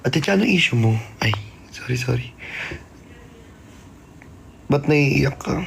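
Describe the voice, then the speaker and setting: A man's voice: medium pitch, animated, slow, gravelly, fairly bright tone, slight background noise. A man hosting a casual live stream, playfully teasing and thanking viewers by name. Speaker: livestreamer.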